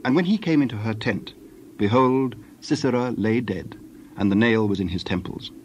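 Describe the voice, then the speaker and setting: A man's voice: fairly low pitch, normal speed, highs cut off, slight background noise. A man narrating scripture as a scripted dramatized reading.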